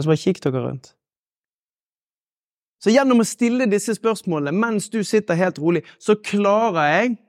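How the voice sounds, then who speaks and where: A man giving a live motivational talk to an audience, leading a guided exercise with slow, measured pauses. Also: high-pitched, no echo, studio quality. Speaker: motivational speaker.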